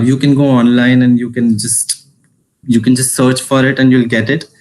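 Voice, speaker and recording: This is a young man with an Indian accent, talking to students in an informal online session. His voice sits at an ordinary, mid-range pitch. He rushes along, mixes Hindi into his English and often breaks off to rephrase. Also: a little mellow, slight background noise, low-quality recording. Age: 20s. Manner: fast talker, mixes Hindi into English, frequent restarts. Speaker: alumnus giving a career talk.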